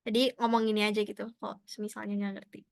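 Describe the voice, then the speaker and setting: A woman teaching a language class online, chatty and encouraging, often cheering her students on with quick praise. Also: medium pitch, level tone, vocal fry, clean tone, no room sound, clean studio sound. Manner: chatty, encouraging, mixes in English and Japanese praise.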